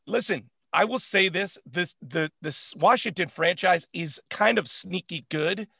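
A man co-hosting a casual sports chat, animated and laughing often, with lots of filler words. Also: high voice, measured pace, vocal fry, breathy edge, no echo, studio quality. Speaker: co-host.

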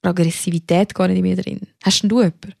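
A woman co-hosting a casual podcast, thinking aloud and searching for her words. Her voice is lowish with a gravelly edge. The sound is close and dry. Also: fairly even intonation, fast, a little mellow, dry recording. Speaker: podcast co-host. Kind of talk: casual chat.

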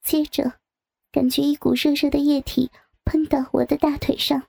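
A woman narrating a first-person adult story in a soft, breathy, near-whispered delivery. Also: sits high, flat delivery, moderate pace.

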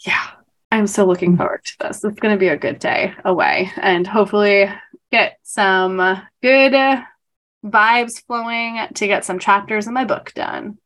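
A woman's voice: medium pitch, unhurried, fairly bright tone. A woman, co-hosting a podcast in casual chat, congested from allergies and laughing often. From New York. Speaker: podcast co-host.

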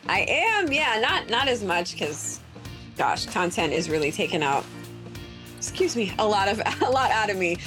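Chatty woman guest, lively voice. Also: medium pitch, normal speed, faint music behind. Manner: chatty, upbeat plugging her projects. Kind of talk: casual chat.

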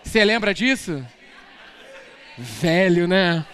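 A man with a Brazilian accent preaching a lively, story-filled sermon, rising into shouts at its peaks. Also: sits high, slow, crowd noise, noisy background. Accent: Brazilian Portuguese.

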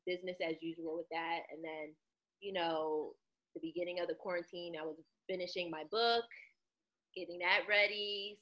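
A soft-spoken woman chatting casually as a guest on a talk show, on a dull remote call. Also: fairly low pitch. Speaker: returning guest, author. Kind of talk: casual chat.

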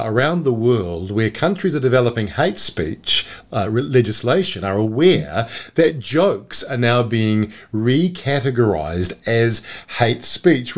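Measured male interviewer. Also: medium pitch. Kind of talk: interview question.

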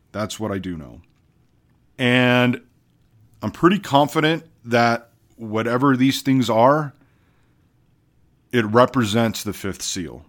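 An actor playing a weary man filming himself as the world ends, talking hesitantly and later guiding a hypnosis in a slow, soothing voice. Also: mid-range voice, lightly acted. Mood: uneasy. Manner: hesitant, with fillers and restarts. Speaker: vlogger. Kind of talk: found-footage vlog acting.

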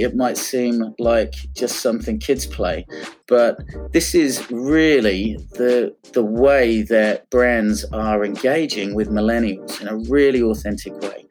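A man hosting an interview podcast, his voice sitting at an ordinary middle pitch. He talks in a friendly, self-deprecating way and often starts sentences over. Faint music plays quietly behind him. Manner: friendly, self-deprecating, with frequent restarts and fillers. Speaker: podcast host.

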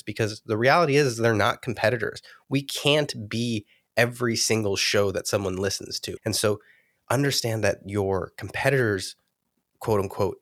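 A man's voice: lowish voice, fairly bright tone, no room sound, studio quality. A man hosting a solo podcast, talking with a stuffy, nasal voice while giving earnest coaching advice. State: congested, nasal. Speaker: podcast host.

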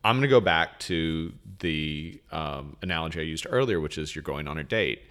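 A man with a very deep voice talks as a guest on a relaxed podcast. He is lively and animated, slips into little acted-out quotes and restarts his sentences often. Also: moderate pace. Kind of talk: casual chat.

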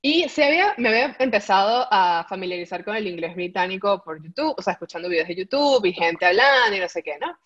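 A woman telling her story in casual chat, animated, laughing often and dropping English words into her Spanish. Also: mid-range voice, fast talker, few pauses. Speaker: guest. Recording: dull lo-fi audio.

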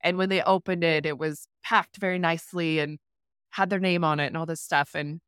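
A woman's voice: low voice, steady tone, fairly quick, fairly bright tone, smooth, dry recording, clean studio sound. A woman who is a podcast guest tells a candid story in conversation. She speaks animatedly, uses a lot of "like" fillers and acts out quotes. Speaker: podcast guest, rural entrepreneur.

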